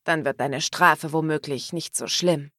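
A woman voicing a domineering, commanding man in an audiobook, speaking in a slow, low, insistent murmur. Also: sharp tone, no echo, studio quality, heavily acted. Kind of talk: audiobook character voice.

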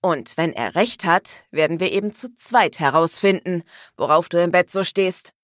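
A woman voicing a menacing, dominant gangster man with a rough, low voice, speaking slowly and threateningly. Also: no echo, clean studio sound, close to an everyday voice.

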